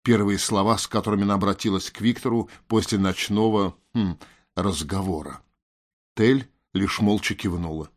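A man narrates a fantasy audiobook in a measured, slightly wry manner. His voice sits low. The reading is even and unhurried.

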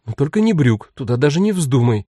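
A man's voice: mid-range voice, big pitch swings, fairly quick, warm tone, no room sound, voice pushed up. A man voicing a composed mother who talks in a firm, commanding way. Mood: stern. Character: stern, composed mother of three, woman.

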